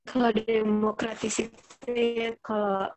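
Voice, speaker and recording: A woman's voice: fairly high pitch, little pitch movement. A woman student talking in an online class over a video call, her audio choppy and warbling like a tangled tape. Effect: choppy, slowed, warbling video-call audio like a tangled tape.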